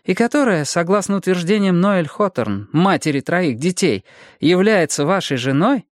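A male narrator puts on a persistent woman detective from an audiobook, her voice lifted well above his own. She presses with brisk, pointed questions. The recording is dry and close. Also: sits high, very animated, no room sound, pitched above the performer's own voice. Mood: firm. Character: sharp, persistent female police detective. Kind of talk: audiobook character voice.

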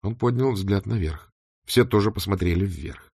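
A man narrating an audiobook in an expressive storytelling manner. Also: low-pitched, normal speed, slightly rough, no room sound, clean studio sound. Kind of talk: scripted narration.

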